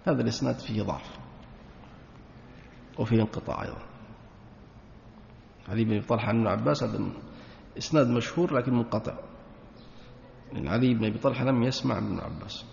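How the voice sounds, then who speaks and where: A man teaching a religious lesson who reads narrator chains quickly, then slows down and rises for emphasis. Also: medium pitch, creaky, a little mellow, a little hiss or hum. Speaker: Islamic teacher. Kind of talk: religious lesson reading and explaining a classical text. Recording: echoey hall, dull lo-fi sound.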